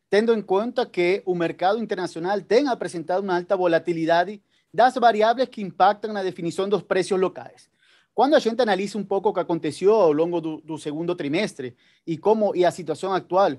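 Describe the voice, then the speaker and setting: A man, a company executive, answering analysts on an earnings call in a measured, explanatory way. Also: sits high, darkish tone. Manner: measured, explanatory, Spanish slips.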